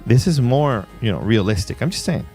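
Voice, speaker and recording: A man hosting a casual livestream, playful and laughing often while he reads chat shout-outs. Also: mid-range voice, very animated, a little fast, soft background music. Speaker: livestream host. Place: in Puerto Rico.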